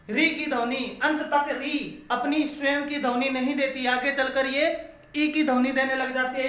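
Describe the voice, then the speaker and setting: A man's voice: very high voice, pushed and bright. A male teacher giving a classroom grammar lesson, asking questions and answering them himself, repeating key phrases. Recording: very echoey room, dull lo-fi sound.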